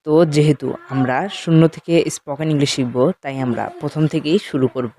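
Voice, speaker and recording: Male teacher, Bengali accent, slow careful explaining, mellow voice, faint background hiss. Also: fairly high pitch, steady tone. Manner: slow, explanatory, addresses students directly. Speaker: English teacher. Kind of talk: spoken lesson.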